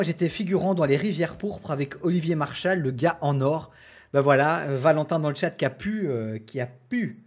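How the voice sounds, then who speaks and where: A man with a French accent hosting a casual live stream, chatty, with many fillers and restarts as he reads out his chat. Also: fairly high pitch. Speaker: Twitch streamer host.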